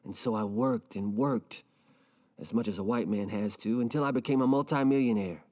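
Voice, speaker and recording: Actor as a dark-toned, deadpan, mopey rich man, audio comedy. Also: on the low side, normal speed, close to an everyday voice. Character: gloomy rich man, self-pitying and rambling.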